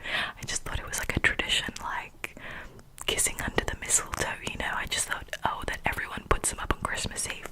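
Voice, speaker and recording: Someone whispering ASMR secrets as if into a cupped hand, breathy and intimate, often softly repeating words and phrases. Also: fairly quick, rough recording. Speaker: ASMR video maker.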